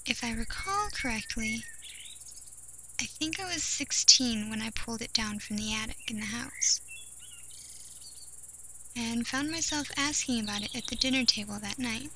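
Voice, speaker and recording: Narrating a horror tale from her own perspective, a woman speaks expressively in a fairly high voice. Her pacing is deliberate and measured, punctuated by storytelling pauses, while insects and birds are clearly audible in the natural ambience around her.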